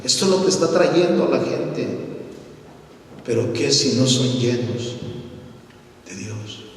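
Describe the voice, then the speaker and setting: A man preaching a sermon as a visiting pastor, telling a story fervently and rising to loud, emphatic peaks. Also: medium pitch, expressive, slow pace, a little hiss or hum. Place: large church hall. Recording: echoey church hall, mic far off.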